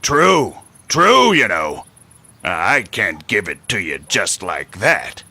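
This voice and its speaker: A man voicing a grumpy, fussy old male studio clerk in a game, excitable and prone to shouting, with a husky voice. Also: lowish voice, takes it slowly, dry recording, heavily acted. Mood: fussy excited. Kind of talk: game voice acting.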